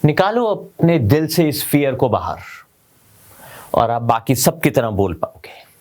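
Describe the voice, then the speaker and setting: A man voicing a gentle, kind woman schoolteacher who coaxes a shy pupil in a soft, encouraging way. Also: medium pitch, big pitch swings, unhurried.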